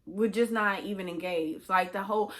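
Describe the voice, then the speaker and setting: Candid woman telling her own story. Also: medium pitch. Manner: halting, with many fillers and restarts; conversational and candid. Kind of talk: personal storytelling monologue.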